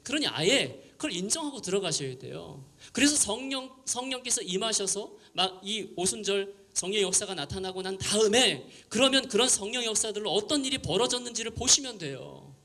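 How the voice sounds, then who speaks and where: Man, pastor, sermon, high voice, very animated delivery, bright tone. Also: brisk, hardly any pauses. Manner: conversational preaching, lively and emphatic. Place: church sanctuary.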